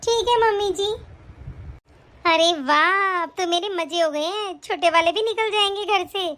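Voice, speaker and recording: A woman voicing a greedy, scheming young daughter-in-law from a rich family in an animated story. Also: very high voice, measured pace, exaggerated voice. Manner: smug, scheming, later pleading.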